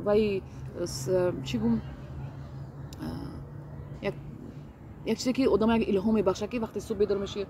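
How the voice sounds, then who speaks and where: A woman speaks in a casual interview, earnest and warm-hearted in her words but halting, circling back with fillers and restarts as she searches for phrasing. Her pitch sits mid-range for a woman. A faint hiss of background noise runs under the recording. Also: steady tone. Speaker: interview guest.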